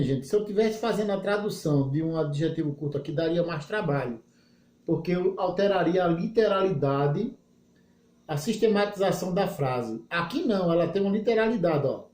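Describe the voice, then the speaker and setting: A man teaching an English lesson, patient and explanatory, his pitch rising and falling a lot as he walks through examples. His voice is mellow and rather dark. The recording carries a noticeable room echo.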